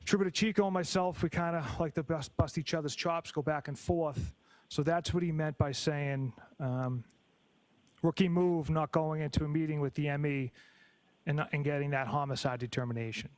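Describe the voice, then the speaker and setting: A police trooper testifying in court, explaining hesitantly with many fillers. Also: male voice, fairly high pitch, steady tone, normal speed, dry recording.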